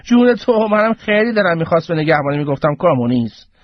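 A cheeky, indignant young man under arrest, put on by a man reading a story on air, his voice pitched up high and swinging wildly. It is husky and a little muffled, as if carried over a dull radio broadcast. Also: sing-song, no echo. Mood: cocky, indignant.

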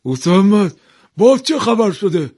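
A man's voice: on the high side, darkish tone, voice pushed up, lightly acted. A man voicing a frantic middle-aged male repairman who pleads and cries out shrilly.

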